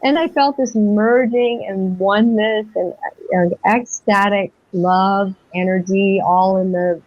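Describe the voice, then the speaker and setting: A woman's voice: mid-range voice, fairly even intonation, takes it slowly, no room sound. A middle-aged woman telling her personal story as an interview guest, rambling and breathless, full of fillers and acted-out quotes. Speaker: guest experiencer. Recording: dull lo-fi dry audio.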